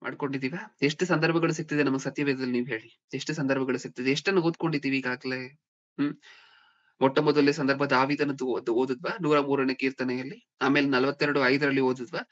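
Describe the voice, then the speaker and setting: A man's voice: medium pitch, a bit bright. A man preaching a sermon, often checking in with his listeners with rhetorical questions. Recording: dull lo-fi recording.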